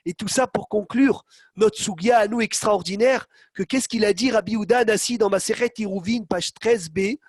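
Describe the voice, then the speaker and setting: A man giving an online Torah lesson, animated, calling on students by name and acting out the quotes he tells. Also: sits high, normal speed, no room sound, clean studio sound. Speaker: rabbi teaching a Torah class.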